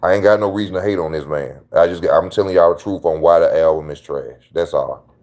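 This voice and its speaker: A man's voice: deep voice, fairly quick, a little mellow. A man hosting his own channel, giving casual opinion commentary in a slangy, emphatic way that repeats his points. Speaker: channel host.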